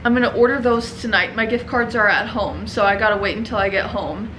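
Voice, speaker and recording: A bright, clear young woman talks casually to camera from her print shop, chatty and upbeat and quick to laugh. A faint hum of room noise sits behind her voice. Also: medium pitch, low-quality recording. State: out of breath. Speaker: vlogger and small business owner.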